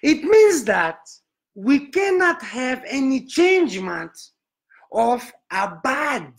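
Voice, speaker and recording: A solemn, self-important male prophet, as a man puts him on, preaches in broken English with a Nigerian accent. His voice rides high and swings widely from word to word. He stretches out every phrase in a slow, grand sermon. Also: sing-song, full character voice. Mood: preaching. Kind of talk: comic sermon.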